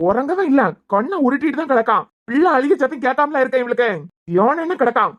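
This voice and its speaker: Angry cartoon dad voiced by a woman, high-pitched and fast, Kanyakumari accent. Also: lo-fi sound, lightly acted. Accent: Kanyakumari Tamil. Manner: scolding, raising his voice. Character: angry young husband and father, hot-tempered. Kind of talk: cartoon serial voice acting.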